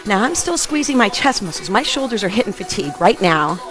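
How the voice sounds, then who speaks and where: Woman, aerobics instructor, energetic and encouraging, medium pitch, punchy exercise cues, music behind. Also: brisk. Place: open living room at home, indoors.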